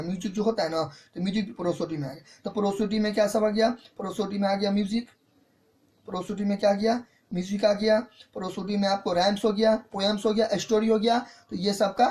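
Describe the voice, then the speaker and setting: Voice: medium pitch, a little mellow. A teacher giving an online grammar lesson, explaining step by step, repeating points and often checking in with the students. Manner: mixes in English terms.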